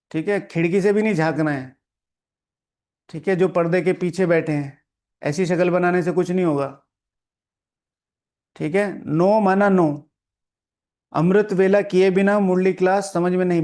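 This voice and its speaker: High-voiced man giving a stern class sermon. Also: a little mellow. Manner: scolding asides and repeated lines, asking the room questions; often adds "theek hai" as a check-in. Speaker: spiritual teacher reading and explaining the daily lesson. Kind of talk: sermon with explanation to a seated class. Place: meditation hall with a live audience.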